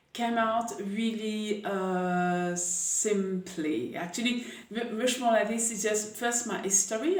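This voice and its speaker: Woman, chatty, hesitant pauses, casual video talk, distant mic, echoey room. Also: mid-range voice. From Paris, France. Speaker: coffee camp host.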